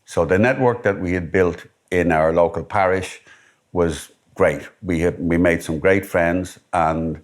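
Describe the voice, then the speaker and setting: A middle-aged man from Ireland with an Irish accent, steadily recounting his married life in a personal testimony interview. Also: deep voice.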